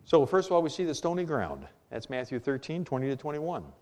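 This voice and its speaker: Animated preacher man, storytelling voice. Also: fairly high pitch, brisk. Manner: storytelling, reads scripture in archaic wording. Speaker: pastor. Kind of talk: sermon.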